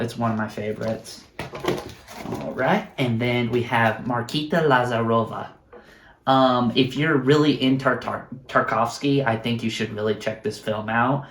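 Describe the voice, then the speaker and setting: A man's voice: mid-range voice, creaky, a bit bright. A man chatting casually and eagerly recommending films he bought, recorded at home. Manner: enthusiastic, recommends films earnestly. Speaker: guest showing his film haul. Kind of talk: casual film chat. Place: room in a home. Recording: roomy echoey room.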